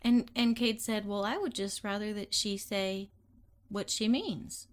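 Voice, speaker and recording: A woman's voice: mid-range voice, measured pace. A middle-aged woman co-hosting a marriage podcast in casual chat, telling stories earnestly and acting out what others said. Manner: earnest storytelling, acts out quotes. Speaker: podcast co-host.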